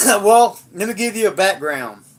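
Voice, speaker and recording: A man's voice: high voice, expressive, unhurried. An older man, telling a rambling, blunt and profane story in a casual livestream. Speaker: livestream host.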